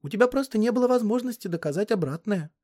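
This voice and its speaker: Guy putting on a lovestruck teen girl voice, high and pleading, dry close sound. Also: lively intonation, fast, darkish tone, no echo. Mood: earnest. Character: lovestruck noble teenage girl, earnest and easily hurt.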